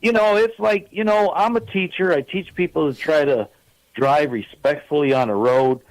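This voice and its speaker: A man's voice: a little high, moderate pace, no echo, rough recording. Rambling older male radio caller. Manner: rambling, chatty storytelling with many fillers. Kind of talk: casual call-in chat.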